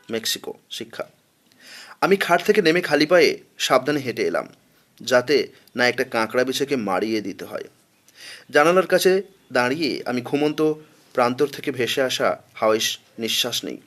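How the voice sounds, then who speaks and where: A man narrating a translated literary story in a measured, slow reading voice. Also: mid-range voice, a bit bright.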